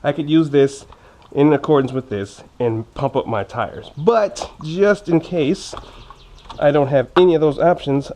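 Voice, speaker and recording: Here a motorcycle vlogger unboxes and reviews gear in relaxed, chatty fashion, cracking informal jokes and teasing himself. He's a man of average pitch and dark tone whose braces slightly impede his speech. Noise with clicks sits clearly in the background.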